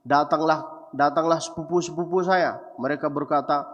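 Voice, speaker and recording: A young man from Mecca preaching a lively sermon, talking straight to the crowd and acting out what others said. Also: a little high, moderate pace. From Mecca, Saudi Arabia. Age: young adult. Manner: animated, addresses listeners directly, acts out quotes. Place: large hall at a preaching event. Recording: echoey hall, dull muffled sound.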